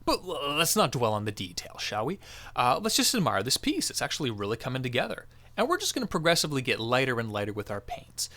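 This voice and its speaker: A man narrates a crafting tutorial in an encouraging, jokey manner. His voice is bright and swings freely up and down in pitch. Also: huge pitch swings, fast talker.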